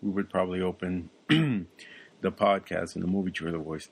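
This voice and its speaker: A young man talks casually as a podcast co-host. His voice sits low, and he rambles along, filling pauses with ums and uhs. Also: steady tone, breathy edge. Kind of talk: casual chat.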